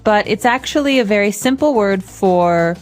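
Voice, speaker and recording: A woman's voice: medium pitch, animated, normal speed, soft background music. A woman co-hosting an English lesson podcast, explaining words with many everyday examples. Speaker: co-host.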